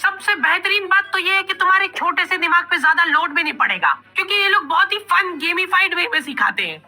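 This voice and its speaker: A man's voice: very high-pitched, expressive, brisk, sharp tone. A man narrating a comedy sketch in a chatty, teasing way, talking straight to viewers. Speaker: comedy narrator and sponsor reader. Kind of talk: scripted comic narration.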